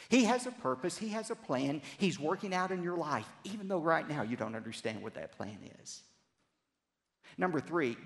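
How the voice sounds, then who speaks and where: A man preaching a sermon, telling a story dramatically and rising to loud cries, then dropping low. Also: creaky, big-room sound. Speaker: pastor.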